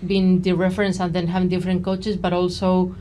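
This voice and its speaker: A woman with a slightly low voice hosts a casual podcast interview. She asks long, friendly questions and laughs easily. A faint hiss of noise runs underneath. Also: level tone, brisk, warm tone. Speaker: podcast host.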